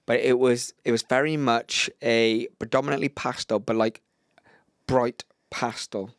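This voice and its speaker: A man's voice: medium pitch, steady tone, a little slow, clear, resonant tone, no echo, clean studio sound. A man chatting casually and bluntly as a company co-host presenting products. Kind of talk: casual chat.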